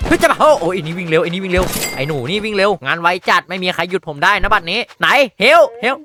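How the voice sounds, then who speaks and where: A man streaming a horror hunting game, reacting with excitable, jokey exclamations and running commentary. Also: high voice, fast, background noise. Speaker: gaming streamer.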